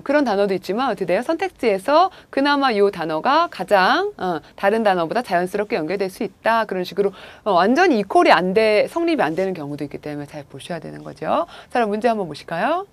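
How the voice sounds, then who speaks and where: Lively woman teaching a language lesson. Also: mid-range voice, no echo. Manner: lively lecturing, frequent "자" prompts and rhetorical questions. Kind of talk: recorded video lecture.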